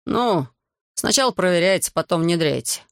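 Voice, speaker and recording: A wary, bespectacled young man who drawls his words lazily and lets a sneer slip through, as a male reader puts him on. The voice is gravelly and the sound dry and close, as in an audiobook. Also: high-pitched, expressive, normal speed, no room sound. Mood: evasive. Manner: lazy, evasive, sneering. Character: guarded, mocking young man in glasses.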